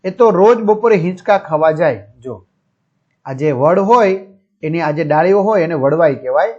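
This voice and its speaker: A man's voice: fairly high pitch, expressive, moderate pace, darkish tone. A man teaching young pupils, reading a story aloud, restating each line in simpler words and checking in with his listeners. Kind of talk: reading and explaining a school lesson. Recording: dull lo-fi sound.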